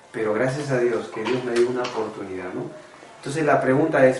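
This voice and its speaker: A man's voice: medium pitch, darkish tone, distant mic, a little hiss or hum. Earnest preacher man in echoey room. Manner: earnest, confessional, addresses listeners as brothers. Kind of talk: testimony sermon. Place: church meeting room.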